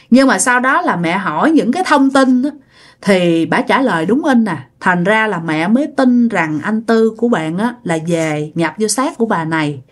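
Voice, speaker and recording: A woman with a Southern Vietnamese accent telling a ghost story in a chatty way, speaking directly to her listeners. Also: on the high side.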